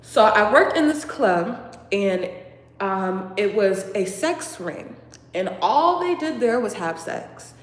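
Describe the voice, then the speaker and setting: A young woman from Boston telling a casual storytime, chatty and animated with lots of fillers. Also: mid-range voice, slow pace, reverberant, long reverb tail. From Boston, USA. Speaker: vlogger.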